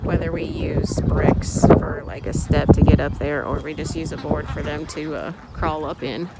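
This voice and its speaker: With ducks quacking and chickens nearby, a woman casually narrates her farm vlog from a poultry pen, speaking slowly with many ums, pauses and fresh starts. Her low voice keeps a steady tone. The recording is outdoor phone audio where the farm noise is easy to hear.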